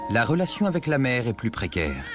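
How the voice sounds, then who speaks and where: Male nature documentary narrator over clear music. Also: medium pitch, huge pitch swings. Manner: measured, explanatory storytelling with rhetorical questions.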